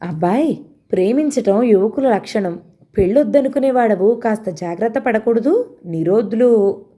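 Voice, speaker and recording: A woman voicing a fond, sharp-tongued middle-aged mother in a read-aloud novel. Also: on the high side, animated, moderate pace. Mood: chiding.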